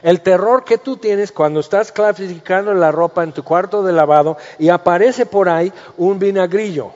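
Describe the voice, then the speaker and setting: Animated preacher in a reverberant hall. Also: male voice, high voice, moderate pace. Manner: animated, acts out quoted voices, jokes mixed with scripture. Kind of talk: sermon. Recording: dull reverberant church hall sound.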